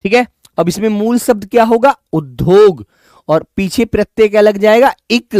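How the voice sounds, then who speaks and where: A man with a fairly high voice teaches an online language class, recorded dry and close. He calls his students "child", repeats each word slowly, and keeps nudging them along. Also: a little mellow, dry recording. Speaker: Hindi teacher.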